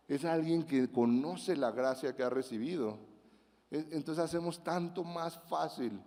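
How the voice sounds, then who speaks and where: A pastor delivers a sermon in a high, light, slightly mellow voice, speaking conversationally and animatedly acting out the quotes. The long reverb of a large hall surrounds his words.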